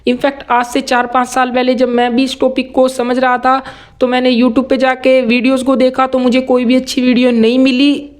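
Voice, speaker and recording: High-voiced man teaching rap rhymes. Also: completely flat delivery, clean tone. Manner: repeats words slowly, splitting them into syllables; mixes English terms into Hindi speech. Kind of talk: casual tutorial explanation.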